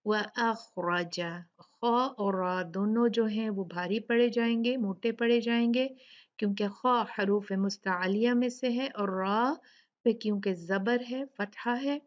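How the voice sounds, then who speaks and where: A woman teaching the rules of Quran recitation. She explains each rule and then recites the words slowly and drawn out. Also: a little high, muffled recording. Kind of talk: tajweed lesson with slow demonstration recitation.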